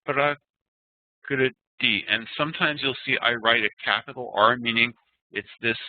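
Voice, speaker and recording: A man's voice: mid-range voice, brisk. A man teaching a Sanskrit class over a web meeting, patiently explaining pronunciation and chanting verses. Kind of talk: online class lecture. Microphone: web conferencing call. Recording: tinny phone-like web meeting audio.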